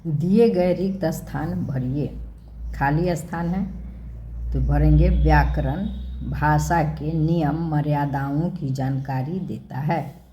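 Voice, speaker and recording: A woman teaching a children's worksheet lesson, slowly spelling words out sound by sound. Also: low-pitched, dark tone, slight background noise. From India.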